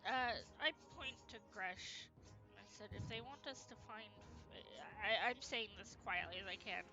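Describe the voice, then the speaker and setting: A woman's voice: mid-range voice, moderate pace, dull audio, music in the background. A woman speaking casually as a player in a tabletop role-playing game.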